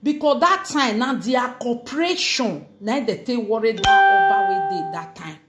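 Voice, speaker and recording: A woman's voice: fairly high pitch, animated, normal speed, loud music behind the voice. A woman with a Nigerian accent chatting casually in Nigerian Pidgin, explaining things and repeating phrases for emphasis. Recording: echoey room.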